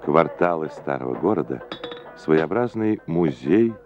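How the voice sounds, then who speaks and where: A man narrating an old newsreel in a measured, formal announcer manner. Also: very deep voice, lively intonation. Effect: old Soviet newsreel sound. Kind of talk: scripted documentary narration. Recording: dull lo-fi 1980s newsreel audio with music.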